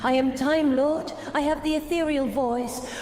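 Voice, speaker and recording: A synthetic female text-to-speech voice with an ethereal, dreamy, distant sound, reading chat messages in a flat, oddly paced way. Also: high voice, measured pace, crowd noise. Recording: roomy long reverb.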